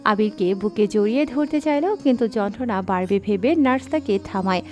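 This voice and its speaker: A woman narrating a dramatic story in a scripted, expressive reading. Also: medium pitch, normal speed. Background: faint background music.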